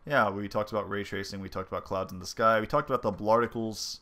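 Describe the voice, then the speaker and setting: In a quick, steady, bright and forceful voice of fairly low pitch, a congested young indie game developer muses casually over gameplay in a devlog. He's demonstrating his game engine, his speech full of ums and likes.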